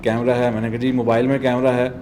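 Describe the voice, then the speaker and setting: Guesting on a podcast interview, this middle-aged man, a doctor and motorbike traveller from Multan in South Punjab, Pakistan, recounts his story in a chatty way with a southern Punjab accent. He talks fast in a flat, mid-range, darkish voice, over slight background noise.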